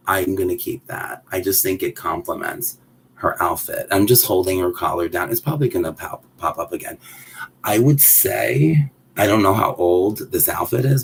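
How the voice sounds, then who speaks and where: A man vlogging casually at home, rambling and excitable, often breaking off mid-thought. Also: low-pitched, gravelly, slight background noise, rough recording. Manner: rambling, excitable, self-interrupting. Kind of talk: casual chat while handling a doll.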